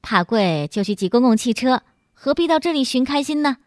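A rude, money-grabbing male taxi driver barks short, gruff lines, as a woman narrator acts him out. The voice sits close to the mic with no room sound, as in a told audio story. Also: high voice, lively intonation, a little fast, a little mellow, no echo. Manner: gruff and curt.

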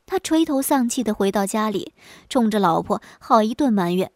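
A woman narrating a scripted folk tale in an even, clear storytelling delivery on a close studio mic. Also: medium pitch, moderate pace, dry recording.

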